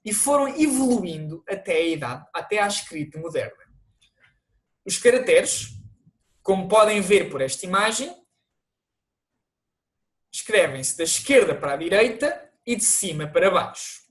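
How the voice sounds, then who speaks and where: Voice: medium pitch, sing-song, moderate pace, long pauses. A teacher with a European Portuguese accent, narrating an online language lesson and explaining things to viewers, with the odd restart.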